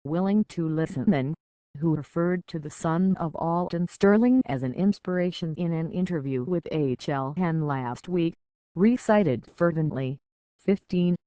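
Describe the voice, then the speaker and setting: A news narrator reads a scripted report at a mid pitch, neither high nor low. The delivery is even and measured, and the sound is dry and close, with no room echo. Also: clean tone, highs cut off.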